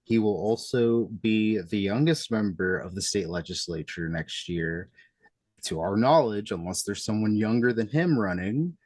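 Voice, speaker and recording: A man's voice: fairly low pitch, a little slow, a little mellow, no room sound. A young man in his twenties hosting a casual interview over a video call, chatty and rambling with restarts. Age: young adult. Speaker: host. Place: small room at home.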